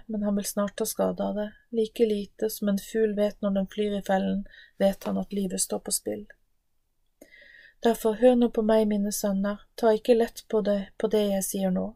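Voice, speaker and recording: A woman reading scripture aloud in a measured, earnest way. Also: mid-range voice, vocal fry, warm tone, no echo. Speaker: Bible reader.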